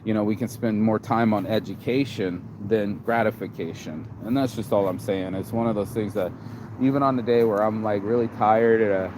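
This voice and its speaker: His fairly low, steady voice moves at normal speed. He's a Las Vegas vlogger, tired and low-energy, rambling casually with profanity and lots of restarts and repeats, recorded outdoors in a city with street and traffic sounds.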